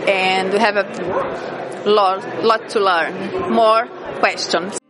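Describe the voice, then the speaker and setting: Slow, halting woman. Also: mid-range voice, steady tone, rough recording. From Brazil. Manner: halting, searching for words. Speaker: event attendee. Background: crowd chatter.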